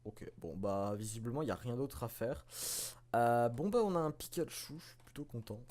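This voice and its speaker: A man's voice: medium pitch, animated, moderate pace, a little mellow. A man giving casual, self-mocking commentary while playing a video game, swearing and chuckling now and then. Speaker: let's play host.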